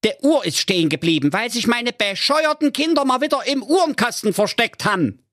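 A man voicing a bossy, scolding mother in a high falsetto. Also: sing-song, fairly quick, a bit bright, no room sound, clean studio sound, full character voice. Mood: irritated. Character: gruff, bossy trailer-park mother.

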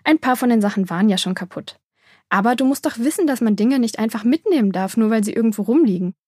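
A bold young girl with a bright, lifted voice and a breathy edge, bossy at first but kind underneath, as a woman reading a storybook puts her on. She speaks slowly and clearly when she explains things, in a dry, close recording. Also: a little high, expressive, no echo. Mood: explaining. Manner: scolding then friendly, explaining slowly. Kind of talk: audiobook character voice.

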